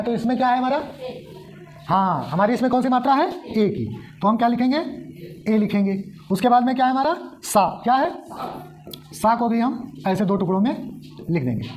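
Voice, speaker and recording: A woman's voice: a little high, darkish tone. A woman teaching a lesson, who keeps asking the class questions and then answering them herself. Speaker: Hindi teacher. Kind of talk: explaining at a whiteboard.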